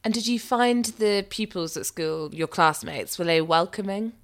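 Speaking at a medium pitch and a moderate pace, a woman hosts a podcast interview. She introduces her guest, asks friendly questions, and laughs along in a warm, friendly manner.

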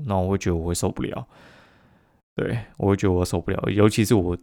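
A young man with a Taiwanese Mandarin accent rants through a casual solo podcast, swearing freely as he tells exasperated stories. His voice sits fairly low, and the close mic gives it a dry, dead sound with no room echo. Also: darkish tone. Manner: profane, exasperated storytelling with heavy swearing. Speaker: podcast host.

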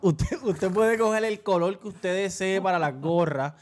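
A man's voice: sits high, unhurried, slight background noise. A man with a Puerto Rican accent hosting a podcast, chatting casually in a bossy, teasing way and swearing freely. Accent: Puerto Rican Spanish. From Puerto Rico. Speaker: podcast host. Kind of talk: casual chat.

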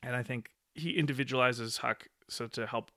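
Bright-voiced man chatting about a book. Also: medium pitch, steady tone, moderate pace, dry recording, clean studio sound. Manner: enthusiastic, laughs often, acts out quoted lines. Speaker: discussion co-host. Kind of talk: casual literary discussion.

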